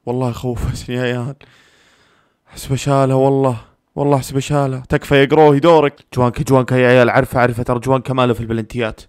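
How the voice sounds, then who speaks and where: A man's voice: mid-range voice, flat delivery, racing, smooth, dry recording, clean studio sound. A man reacting live to a football match, anxious and pleading, repeating the same phrases again and again.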